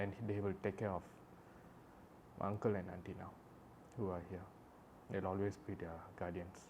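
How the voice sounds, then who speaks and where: A young man with a slightly low voice speaks in a halting, rambling way. He restarts often, fills his pauses and sounds emotional and apologetic. A faint background hum sits under his voice. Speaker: vlogger. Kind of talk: personal storytelling monologue.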